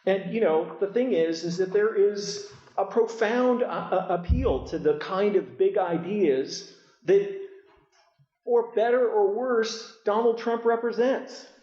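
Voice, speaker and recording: A man giving an emphatic talk at a conference, often repeating words as he starts, heard through a low-quality live stream recording from a hall. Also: slow, a little mellow. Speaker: conference speaker. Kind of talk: public speech at a conference. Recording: echoey, muffled hall recording.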